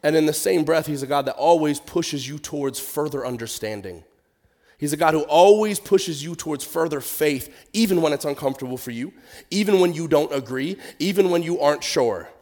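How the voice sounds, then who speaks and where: A man's voice: on the high side, moderate pace, a little mellow. A man preaching a conversational sermon in a nasal, crackly voice, informal and emphatic, repeating key words and reading scripture.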